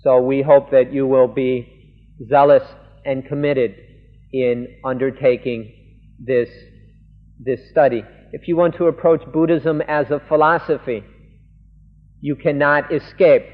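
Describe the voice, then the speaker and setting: A man, a monk, interpreting a Buddhist sermon live, speaking earnestly in halting phrases. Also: medium pitch, fairly even intonation. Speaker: monk interpreter of a Dhamma talk. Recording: lo-fi 1980s tape in a reverberant hall.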